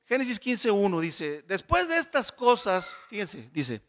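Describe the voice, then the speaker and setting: A man's voice: sits high, sing-song, a little slow, a bit bright. A man teaching a Bible study class, explaining patiently and often checking in with his listeners.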